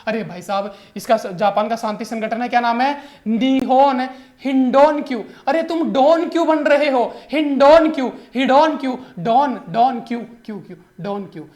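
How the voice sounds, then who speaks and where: A man, teaching exam current affairs through jokey mnemonics in an animated, playful way. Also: very high-pitched, normal speed. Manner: animated and joking, keeps calling the viewer brother. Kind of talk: comic mnemonic lesson.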